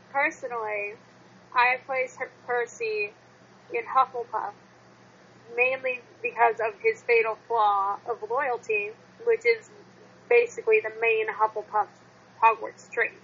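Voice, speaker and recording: A woman's voice: fairly high pitch, takes it slowly, long pauses, fairly bright tone, highs cut off, a little hiss or hum. A woman chatting casually as a guest in a fan discussion.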